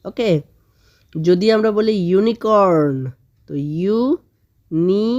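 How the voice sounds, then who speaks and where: A woman teaching a grammar lesson for children, slowly sounding out words syllable by syllable and often checking in with her students. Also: medium pitch, animated, a little mellow, dull audio. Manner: slow drawn-out spelling of words, syllable by syllable; frequent "okay?" check-ins with students.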